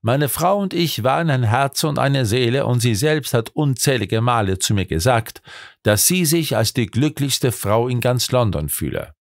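A man's voice: mid-range voice, lively intonation, moderate pace, no room sound, studio quality, close to an everyday voice. A man voicing a desperate, grieving old carpenter in a pleading, raised voice for an audiobook.

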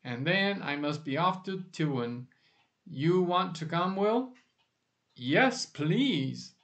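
A man's voice: fairly high pitch, lively intonation, slow pace, fairly bright tone, pitched above the performer's own voice, heavily acted. A man reading aloud voices a small, precise, dry-humoured uncle.

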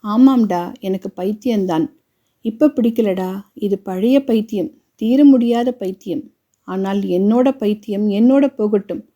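A woman's voice: mid-range voice, a little slow, mellow, natural voice. A woman voicing an elderly widowed grandmother who talks with impassioned, reproachful pleading. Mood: quiet bitter.

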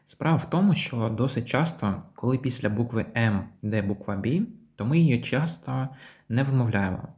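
Man teaching pronunciation, slow and careful. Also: mid-range voice, animated, a little mellow. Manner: repeats model words slowly and clearly. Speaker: English teacher. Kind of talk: language lesson.

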